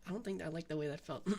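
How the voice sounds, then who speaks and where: A man's voice: sits high, darkish tone, a little hiss or hum. A man doing a bratty Valley Girl in whispered role-play. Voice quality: mocking, taunting, drawn-out "like". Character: bratty sassy young Valley Girl gyaru.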